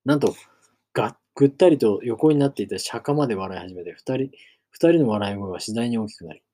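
A man reading a novel aloud as narrator, in measured storytelling. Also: lowish voice, animated, mellow. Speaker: reader.

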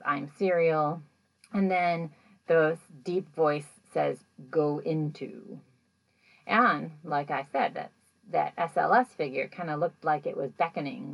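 A woman recapping a paranormal show in a loose, chatty podcast style. Her voice sits low and has a gravelly fry to it. She rambles through the story with plenty of "like" and "you know," and livens up when she acts out the moments. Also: dull audio. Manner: animated when acting out moments. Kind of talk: casual episode recap.

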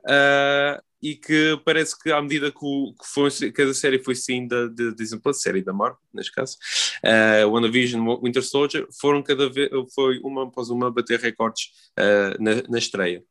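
A man's voice: medium pitch, steady tone, moderate pace, fairly bright tone. A man with a European Portuguese accent hosting a casual podcast chat, informal and often circling back over his phrases. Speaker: podcast host.

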